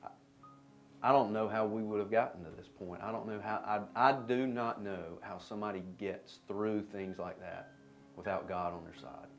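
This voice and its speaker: A man sharing an earnest personal testimony, halting and restarting as he goes. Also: lowish voice, fairly even intonation, soft background music.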